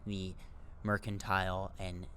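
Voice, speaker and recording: A man's voice: deep voice, completely flat delivery, slow pace, pushed and bright, a little hiss or hum. A man narrating a tabletop game as game master, descriptive and paced with frequent fillers.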